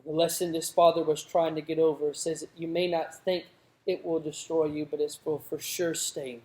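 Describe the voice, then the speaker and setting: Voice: mid-range voice, level tone, moderate pace, a little mellow. A youth pastor preaching a sermon in a conversational way that rises to emphatic moments. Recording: roomy echoing hall.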